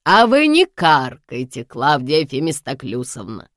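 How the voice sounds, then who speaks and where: A woman reading an audiobook voices a stern, sharp-tongued elderly grandmother who speaks slowly and tartly. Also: low-pitched, animated, no room sound, clean studio sound. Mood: sarcastic. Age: over 60 (figure). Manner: slow, clipped, tartly sarcastic.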